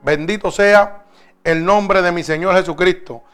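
A man's voice: high voice, measured pace, fairly bright tone, clear, resonant tone, faint music behind. A man preaching a sermon, stretching out key phrases and telling stories in an emphatic cadence.

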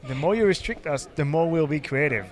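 A man's voice: fairly high pitch, lively intonation, fairly quick. A man, a film director, talking earnestly about his film, with many fillers. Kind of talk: casual interview.

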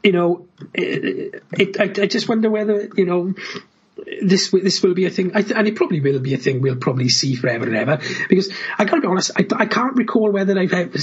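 A man's voice: high-pitched, expressive, quick pace, breathy edge, highs cut off. A man talking about films as a podcast guest, enthusiastic, swearing casually and tacking on tag questions. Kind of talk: casual film chat.

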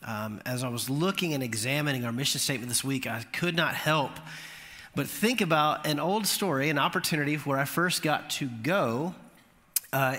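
A man preaching a sermon, telling a lively story and rising in pitch at the funny moments. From Florida. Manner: animated storytelling, voice climbing high at punchlines. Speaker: pastor. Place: church sanctuary. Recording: long hall reverb.

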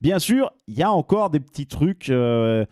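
A man in loose podcast chat, rambling from point to point and tossing in casual swears. His voice is mid-pitched and mellow, recorded close and dry. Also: very animated, normal speed, no echo. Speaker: podcast co-host.

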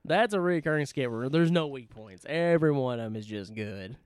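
A man's voice: medium pitch, fairly quick, clear, resonant tone, dry recording. Man chatting on a podcast, dry sound. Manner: animated, laughing, acts out skit lines. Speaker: podcast co-host. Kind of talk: casual chat reviewing a comedy show.

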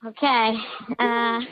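A woman's voice comes through a voice changer, a little high and muffled. She sounds dull and lo-fi, like processed audio. She talks in a giggly, nervous way, full of fillers, as an anonymous guest on a talk show. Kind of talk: casual confession on a talk show.

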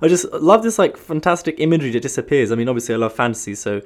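A man hosting a casual podcast chat, rambling with many fillers and quick backchannels. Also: medium pitch, lively intonation.

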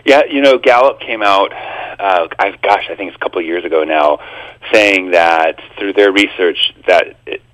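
Deep voiced guy being interviewed on radio, kinda halting, thinking out loud, dry sound. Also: dry recording, rough recording. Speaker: guest, author and organizational consultant.

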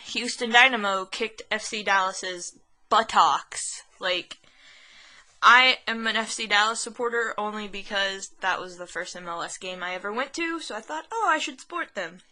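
A woman's voice: medium pitch, moderate pace, bright, forceful tone. A young woman co-hosting a casual podcast, rambling and self-deprecating, laughing often at herself. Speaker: podcast co-host. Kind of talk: casual chat.

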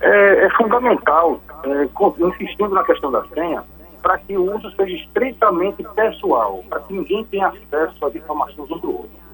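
A man comes through a phone line as a radio call-in guest, his voice husky and rough. He explains things in a measured, patient way, often restarting his phrases. Faint music plays underneath. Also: sits high, animated, a bit bright. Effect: heard over a phone line. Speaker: tech commentator calling in to a radio show.

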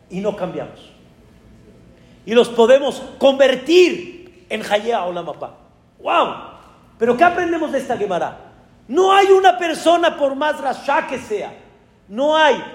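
A man with a Mexican accent, a rabbi telling a story in a sermon with animated, dramatic exclamations. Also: very high-pitched, reverberant, long reverb tail.

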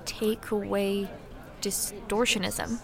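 Woman acting a slow-spoken, unsure young barmaid, roomy sound. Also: medium pitch, little pitch movement, vocal fry. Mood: concerned. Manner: hesitant, musing, self-doubting. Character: awkward, earnest, unsure young barmaid at uncle's tavern. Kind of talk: fantasy audio drama acting. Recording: roomy echo, faint background noise.

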